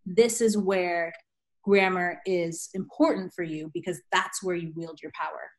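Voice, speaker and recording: A woman's voice: lowish voice, fairly even intonation, unhurried. A woman writing teacher talking on a podcast, emphatic and full of rhetorical questions, often tagging "right?". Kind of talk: podcast conversation.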